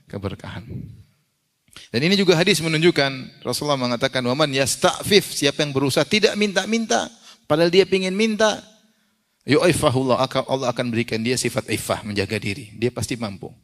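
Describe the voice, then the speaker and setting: A man's voice: medium pitch, a little fast, a bit bright. A man preaching an Islamic sermon, reciting hadith in Arabic and asking his listeners questions he then answers himself, sometimes acting out the people he quotes. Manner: asks the audience questions and answers them himself; acts out quoted people in a raised voice. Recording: long hall reverb.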